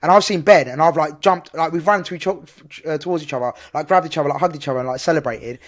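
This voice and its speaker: A man's voice: fairly high pitch, fast. A man co-hosting a podcast, telling stories in a casual chat, laughing and swearing often. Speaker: podcast co-host.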